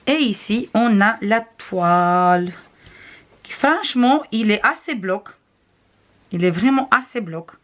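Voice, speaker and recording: A woman crafts vlogger with a non-native accent, casually reviewing and showing items to the camera, often pausing with hesitations. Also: mid-range voice, lively intonation. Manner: chatty, frequent hesitations, shows items to camera.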